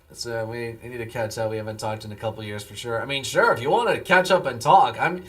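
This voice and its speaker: A man's voice: medium pitch, fairly quick, a bit bright. A laid-back man talks to his stream audience in a tired, rambling way and answers chat as it comes in. Faint music plays behind him. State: tired, yawning after a long day. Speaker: live streamer. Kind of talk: casual live-stream chat to viewers.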